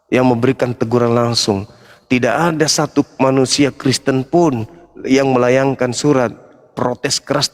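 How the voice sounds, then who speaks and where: A middle-aged man hosting a heated live religious debate, talking combatively and mocking his opponent with laughter. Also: mid-range voice. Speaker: debate show host, foundation founder.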